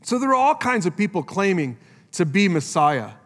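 A man's voice: big pitch swings, moderate pace. Earnest male pastor preaching in a reverberant church. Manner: earnest, rises high for emphasis then drops low and soft. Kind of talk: sermon. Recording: live church sermon with long hall reverb and faint music.

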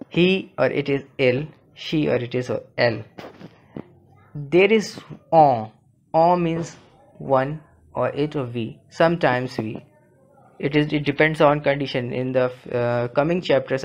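A male language teacher giving a classroom lesson, slow and deliberate, repeating phrases for learners. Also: a little high. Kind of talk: classroom lesson, reading a textbook dialogue aloud.

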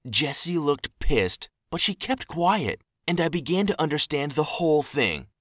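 Young male narrator, animated and expressive, dry close recording. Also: a little high, unhurried, no room sound. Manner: animated, voices quoted people. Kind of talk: scripted narration.

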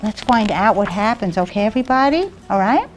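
A woman's voice: medium pitch, lively intonation, a little fast, faint music behind. A woman hosting a children's show, reading a picture book aloud and cheerfully asking the children questions.

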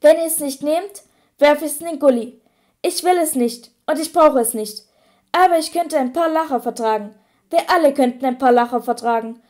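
A woman's voice: high-pitched, normal speed, a little mellow, close to an everyday voice. A woman reading an audiobook, voicing a resolute, generous teenage boy wizard in a firm, determined manner. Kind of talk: audiobook character voice.

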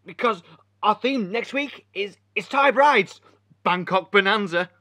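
A man playing a brash hotel owner who puts on a Scottish accent, loud, jolly and leering. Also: sits high, unhurried, no room sound. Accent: put-on Scottish.

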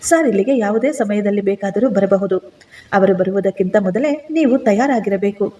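A curt young house attendant, as a woman storyteller puts her on, giving firm instructions in a mellow, dark-toned voice. She speaks in clipped, matter-of-fact phrases, the way a strict servant would in a spoken family story. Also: medium pitch, moderate pace, far from the mic, lightly acted.

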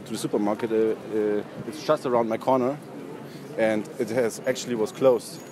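A man's voice: on the low side, steady tone, normal speed, crowd noise. A young man telling long-winded, pointless stories to passersby, full of fillers and carrying on over interruptions. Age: young adult. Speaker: street prankster. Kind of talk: rambling, deliberately pointless storytelling to passersby. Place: outdoors on a busy city street. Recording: noisy busy street, traffic ambience.

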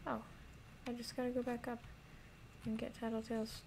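Gravelly-voiced woman streamer joking with chat. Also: a little high, flat delivery, normal speed, darkish tone, slight background noise, rough recording. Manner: jokey, talks to chat, drops to whispers while hiding. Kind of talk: casual let's-play commentary.

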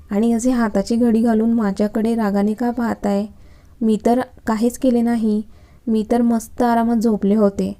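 A woman's voice: fairly high pitch, dark tone, natural voice. A woman reading the lines of a cheeky young woman student in a storybook romance, teasing and talking back.

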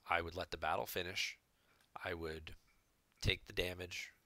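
Man, deep bright voice, card game commentary, analytical, dry close mic. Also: fairly even intonation, normal speed, no room sound. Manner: analytical, explains plays step by step. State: hiccups. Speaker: game reviewer. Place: home room.

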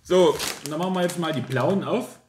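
A man's voice: on the high side, normal speed. A man, chatting casually as co-host of a tasting video. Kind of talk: casual chat. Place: domestic room indoors. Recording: roomy echo, clear background noise.

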